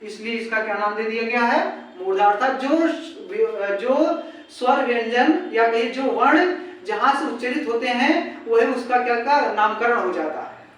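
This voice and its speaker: A woman's voice: on the high side, normal speed. Echoey teacher woman, far from mic. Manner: asks herself questions, repeats and demonstrates sounds. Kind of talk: exam-prep grammar lesson.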